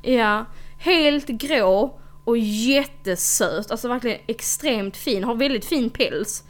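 A young adult woman co-hosting a casual podcast. She tells a story with animation and acts out the quoted dialogue. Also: a little high. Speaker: podcast co-host.

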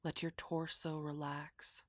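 A woman guiding a relaxation meditation in a soft, half-whispered, soothing voice. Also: deep voice, level tone, takes it slowly, dry recording. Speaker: meditation guide.

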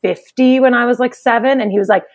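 A woman with a New York accent and a raspy chain-smoker voice, chatting casually and jokingly as a comedian guest. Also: fairly high pitch, quick pace. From Brooklyn, New York, United States. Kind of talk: casual chat.

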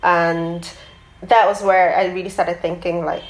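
Woman artist with a low voice, roomy sound. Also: level tone, unhurried. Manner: thoughtful, with frequent fillers and restarts. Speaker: interviewee, artist behind a photography project. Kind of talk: casual interview talk.

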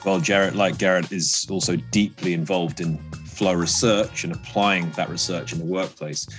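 Low-voiced male co-host, faint music. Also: fairly even intonation, normal speed. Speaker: podcast co-host. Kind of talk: conversational introduction.

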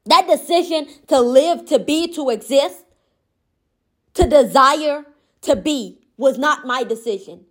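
A woman giving a motivational monologue, impassioned and emphatic, with a gentle yet firm voice. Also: high voice. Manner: impassioned, repetitive emphatic phrasing.

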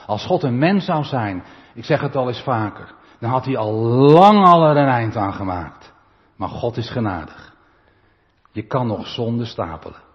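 A man from the Netherlands preaching a sermon as pastor, his voice swelling loud and then dropping to quiet asides, often tagging a "hè?" onto his points. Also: mid-range voice, sing-song, measured pace, big-room sound, lo-fi sound. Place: church.

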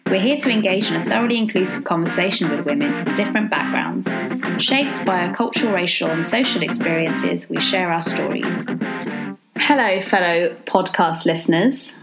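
A woman's voice: lowish voice, expressive, moderate pace, loud music behind the voice, poor audio. A woman from the United Kingdom hosting a podcast, talking in a casual, friendly way and leading the chat with questions. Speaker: podcast host.

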